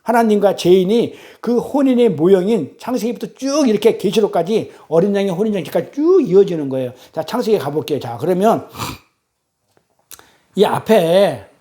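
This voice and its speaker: A woman preacher giving a teaching sermon at a church service. She keeps quizzing the congregation with rhetorical questions and reads scripture and transliterated Hebrew slowly and deliberately. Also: mid-range voice, mellow.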